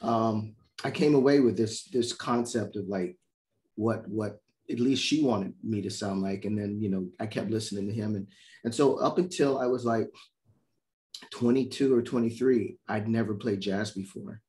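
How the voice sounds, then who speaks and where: A middle-aged man from Miami, a trumpet player, telling animated stories in casual conversation over a video call. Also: on the low side, normal speed. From Miami, Florida. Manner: animated storyteller, acts out quoted voices. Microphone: video call mic.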